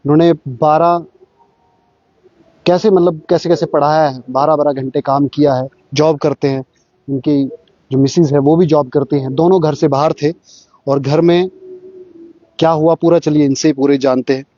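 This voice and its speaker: A male vlogger reporting on the spot and interviewing, halting and leaning on filler phrases. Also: on the high side, steady tone, dark tone, dry recording, dull audio. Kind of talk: on-the-spot news-style vlog reporting.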